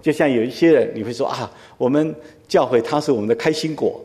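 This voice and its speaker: A man's voice: medium pitch, fast, dark tone, slight background noise. A male pastor giving a sermon in a conversational teaching manner, often asking his listeners rhetorical questions. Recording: long hall reverb.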